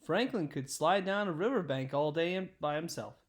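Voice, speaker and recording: A man with a slightly high voice reads a picture book for children, giving it an expressive and measured storytelling delivery.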